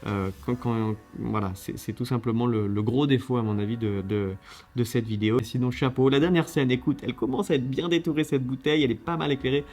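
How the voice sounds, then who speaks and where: A man hosting a casual video, judging contest entries in a lively, chatty way with many fillers and restarts. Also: mid-range voice, fairly quick.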